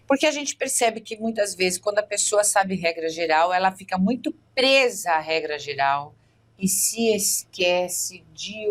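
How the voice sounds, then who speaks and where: A woman with a Brazilian Portuguese accent giving an online exam-prep lesson, explaining step by step and often checking in with the viewer. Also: medium pitch. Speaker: teacher.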